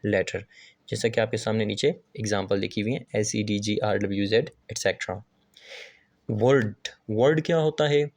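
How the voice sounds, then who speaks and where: A man teaching an English grammar lesson on video. He explains step by step, asks his viewers questions and answers them himself, and reads definitions slowly. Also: medium pitch, a little mellow. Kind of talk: classroom-style video lesson.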